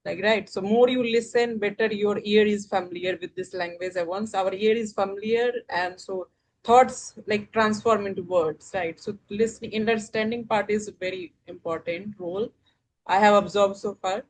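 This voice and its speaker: Casting: Indian-accented woman, casual learner, halting speech full of fillers. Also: medium pitch, fairly even intonation, low-quality recording. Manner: hesitant, many fillers and restarts. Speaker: English learner guest. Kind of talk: casual conversation practice.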